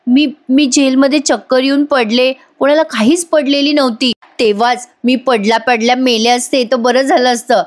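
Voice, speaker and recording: A woman's voice: high-pitched, fairly even intonation, moderate pace, few pauses, pitched above the performer's own voice, natural voice. A woman voicing a scheming young woman who puts on a sugary, melodramatic manner. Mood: fake-sweet. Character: scheming young woman, fake-sweet and dramatic.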